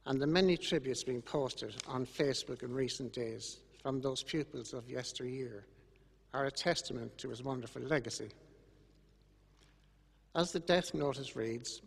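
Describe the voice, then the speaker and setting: An older man with an Irish accent gives a funeral eulogy in a solemn, measured way, with grieving gratitude. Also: mid-range voice, vocal fry, husky. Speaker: eulogist speaking about his late brother. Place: large church, over a microphone to congregation and webcam. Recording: echoey church with long reverb.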